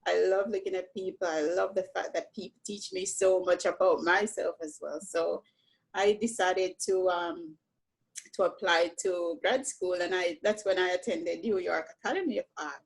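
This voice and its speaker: A woman from Jamaica, a painter telling her story in a relaxed, reflective conversation, often saying "you know". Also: fairly low pitch, normal speed, creaky, slightly rough, rough recording. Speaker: painter, interview guest.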